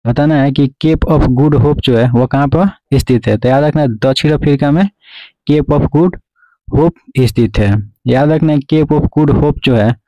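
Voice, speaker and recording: Male teacher, mellow tone, dry close recording, quiz drill explainer. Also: a little high, measured pace, dry recording, low-quality recording. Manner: repeats "remember" and "okay" as drilled prompts. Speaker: exam-prep teacher.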